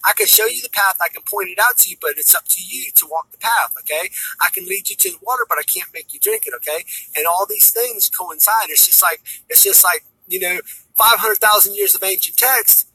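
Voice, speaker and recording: A man's voice: high-pitched, very animated, brisk, vocal fry, sharp tone, husky, no echo, poor audio. A man giving a rambling spiritual monologue, tagging "okay?" onto nearly every phrase and often repeating and restarting his words. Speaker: spiritual speaker.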